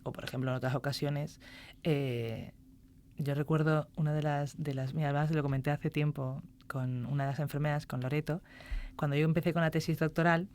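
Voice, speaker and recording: A woman's voice: deep voice, steady tone, a little fast, darkish tone. A woman, a music therapist chatting as a podcast guest, telling stories and acting out quoted dialogue. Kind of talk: casual podcast interview.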